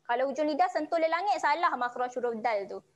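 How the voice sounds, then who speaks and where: High-voiced Malay teacher woman. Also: lively intonation. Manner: patient step-by-step instruction, chanting verses slowly. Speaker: Quran recitation teacher. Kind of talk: online tajwid lesson.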